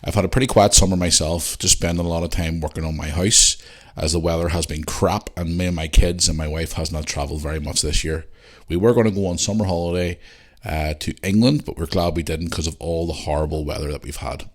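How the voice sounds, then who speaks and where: A deep-voiced man with a Northern Irish accent hosts a podcast, taking listener questions and reading out their messages in an informal, chatty way. His intonation is fairly even and his pace fairly quick.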